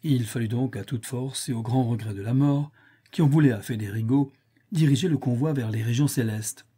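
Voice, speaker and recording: A man reading a classic tale aloud as an audiobook narrator, in a calm, even storytelling manner. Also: medium pitch, moderate pace, slightly rough. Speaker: audiobook reader. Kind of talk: scripted narration.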